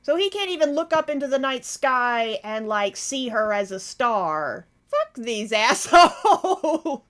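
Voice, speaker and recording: A woman's voice: a little high, animated, normal speed, fairly bright tone. A woman hosting a reaction video, talking casually and expressively, with frequent exclamations and swearing.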